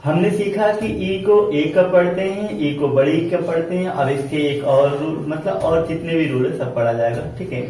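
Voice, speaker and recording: A male teacher explaining English pronunciation to a class, repeating himself, asking questions and answering them, sometimes stretching his words slowly. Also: fairly high pitch, warm tone, slight background noise. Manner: repetitive, asks and answers his own questions. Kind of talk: classroom lesson. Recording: echoey classroom from far off.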